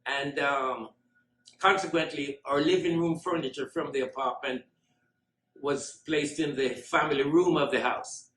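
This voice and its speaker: A man giving a fond, reminiscing eulogy with gentle self-mocking humor. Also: fairly high pitch, steady tone, unhurried. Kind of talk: memorial eulogy. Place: large school hall. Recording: echoey hall.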